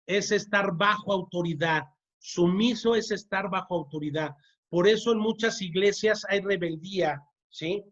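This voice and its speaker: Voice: medium pitch, a little slow. Church teacher, muffled lo-fi recording. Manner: keeps asking the audience "¿sí?", repeats key words. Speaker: church teacher leading a parenting class.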